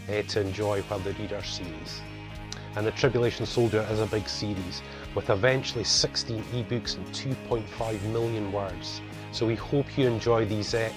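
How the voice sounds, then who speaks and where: A middle-aged man with a broad northeast Scottish accent, slightly toned down, giving a chatty, casual introduction as an author presenting his own videos. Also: lowish voice. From northeast coast of Scotland. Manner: chatty, frequent 'you guys' and 'you know'. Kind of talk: casual spoken introduction to camera.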